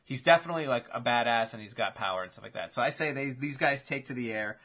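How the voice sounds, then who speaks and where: A man hosting a casual chat, telling imagined fight matchups in an animated, swearing play-by-play. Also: mid-range voice, fast.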